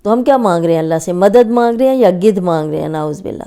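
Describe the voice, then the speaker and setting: A woman gives a recorded tajweed lesson. Her voice is warm, mellow and smooth. She explains with patience and draws out single letter sounds to show how each one should be said. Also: fairly low pitch, expressive. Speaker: Quran recitation teacher.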